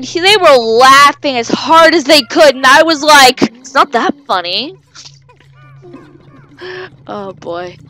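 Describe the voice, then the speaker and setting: A woman giving casual, rambling gameplay commentary as a let's player, with sudden excited exclamations. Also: high-pitched, low-quality recording. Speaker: video game let's player.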